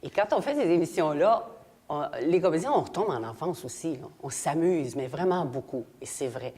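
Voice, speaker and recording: A woman's voice: deep voice, lively intonation, normal speed, dark tone, husky. An older Québécois woman, a guest actress, telling stories in a casual interview and briefly mimicking voices.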